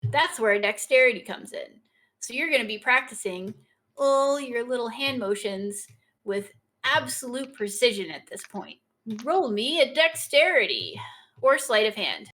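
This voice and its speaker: A woman narrating a tabletop game as game master, in an unhurried, encouraging and playful way. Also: on the high side, sing-song, fairly bright tone.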